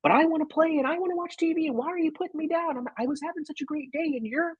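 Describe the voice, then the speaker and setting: A man's voice: very fast, no echo, muffled recording. A man voicing a stubborn little boy who whines about going to bed. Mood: whiny. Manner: pleading, high-pitched and petulant.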